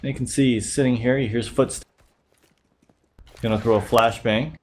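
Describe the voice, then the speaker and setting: Narrating gameplay footage for his channel, a man who sounds sick and slightly nasal keeps a relaxed play-by-play going. His voice is medium in pitch and moves at a moderate pace.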